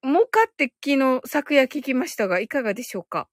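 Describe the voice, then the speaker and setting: Woman, casual live chat host, bubbly and giggly, high and lively voice, dry close sound. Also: a little fast, dry recording. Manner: bubbly, giggly, reads comments aloud and reacts with delight. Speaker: live stream host reading listener comments.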